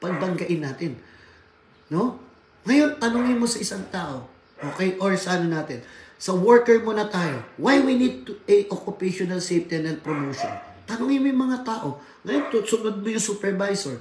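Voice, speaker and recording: A Filipino man with a high voice and lively intonation gives a workplace safety seminar lecture at normal speed, switching between Tagalog and English and often adding tags like "right?". The room is echoey, with faint background noise.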